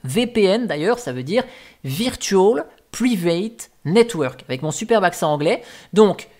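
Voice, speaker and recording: A man's voice: sits high, very animated, brisk. A man hosting a tech tutorial, walking through a topic over diagrams in a patient, step-by-step way with casual asides.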